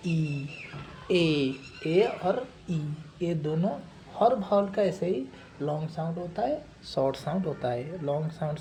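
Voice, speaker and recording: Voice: medium pitch, mellow, a little hiss or hum. A phonics teacher giving a spoken lesson, explaining step by step, asking teaching questions and spelling out letters before repeating each example word.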